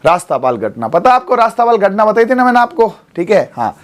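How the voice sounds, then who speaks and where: Man in his 40s, high voice, coaching lecture in a studio, keeps checking with students. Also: big pitch swings, fast. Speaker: teacher. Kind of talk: exam coaching class lecture. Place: studio classroom.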